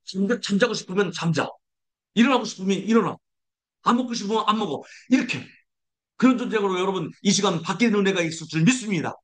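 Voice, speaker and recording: A pastor delivers a sermon in a notably high voice. He pairs rhetorical questions with their own answers and leads the congregation in repeating declarations. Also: fast talker.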